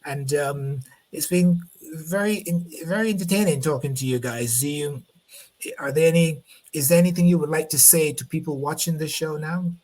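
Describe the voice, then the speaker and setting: A Barbadian man with a highish, slightly mellow voice hosts a live online interview over a video call at a moderate pace. He rambles, repeating words as he searches for his phrasing.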